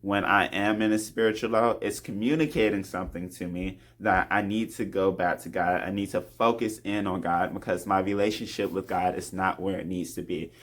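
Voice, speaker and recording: In an earnest devotional talk to camera, a man openly shares his faith at a moderate pace with hardly any pauses. His low voice keeps a fairly even intonation, broken by soft laughs between thoughts.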